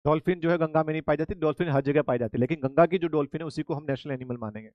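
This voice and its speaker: In a rapid-fire, slightly high voice, an online exam-prep teacher repeats every fact and keeps throwing questions at his students, blending Hindi with English terms. The sound is close, dry and echo-free, but the highs are cut off.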